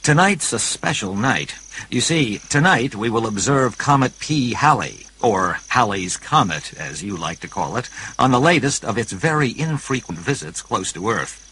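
A man's voice: mid-range voice, very animated, normal speed, sharp tone, slight background noise, poor audio. A man voicing a puzzled male chief astronomer in a storybook read-along, earnest and explanatory.

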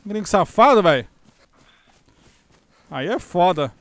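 A young Brazilian man with a Brazilian Portuguese accent giving casual, joking gameplay commentary, swearing and bursting into shouts. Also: high voice, sing-song, slow, a little hiss or hum. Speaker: gamer streamer.

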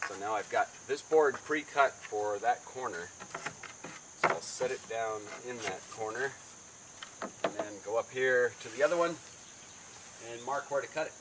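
A man's voice: mid-range voice, normal speed, long pauses. A man, explaining a home repair project in plain, practical terms outdoors. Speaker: DIY video host. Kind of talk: casual how-to narration. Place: outdoors in a backyard. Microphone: camera mic from a few feet away. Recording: outdoor camera audio with insect noise.

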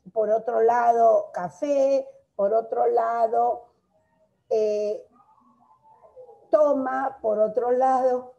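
Slow, lively woman teacher. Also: a little high, vocal fry. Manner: affectionate, calls pupils "my loves"; slow and explanatory, with frequent rhetorical questions. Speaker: primary school teacher. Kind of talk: recorded grammar lesson for children.

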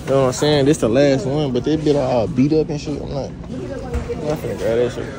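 A young man in his twenties vlogging while shopping in a supermarket, teasing and swearing, with sudden loud bursts. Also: medium pitch, animated, fairly quick, over a noisy crowd. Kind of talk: casual vlog banter. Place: large supermarket, indoors. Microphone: handheld camera.

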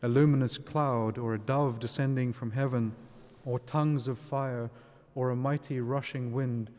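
Male priest, middle-aged, mid-pitched voice, solemn liturgical delivery, long cathedral echo. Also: fairly even intonation, moderate pace, darkish tone. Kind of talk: liturgical reading and homily. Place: large church, indoors. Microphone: gooseneck lectern microphone. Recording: long church reverb.

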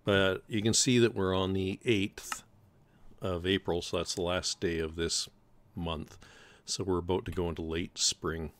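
A man's voice: low-pitched, steady tone, measured pace, fairly bright tone. A middle-aged man hosting casual let's-play commentary, rambling and thinking aloud at his desk mic with dry humor. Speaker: gaming channel host.

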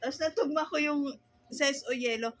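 A woman with a Filipino accent, running a small store and ranting about customers in a casual vlog, animated and laughing often. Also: high-pitched, moderate pace. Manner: animated, laughing, mock-growling. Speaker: sari-sari store owner vlogger.

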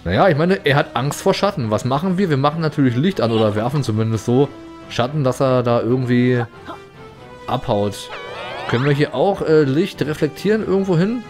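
A man's voice: mid-range voice, lively intonation, a little fast, darkish tone. A man giving casual let's play commentary in a playful, rambling, chatty way. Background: game music.

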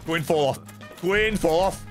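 A man commenting live on his video game, swearing often and swinging between low mutters and exasperated shouts. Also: a little slow. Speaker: streamer. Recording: gameplay stream with music behind.

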